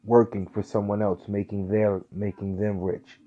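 A man's voice: lowish voice, level tone, normal speed, dark tone. A man giving an earnest motivational monologue in casual speech with slang and cursing, urging listeners to grow and stay focused. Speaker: host of a motivational talk. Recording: dull lo-fi recording with faint music.

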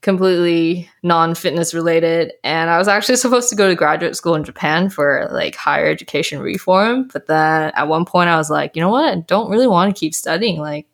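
With a fairly low pitch, she talks fairly quickly with few pauses: a young Canadian woman, a health coach, chatting on a podcast as a guest. Her manner is bubbly, with lots of laughter and plenty of "like" and "um."

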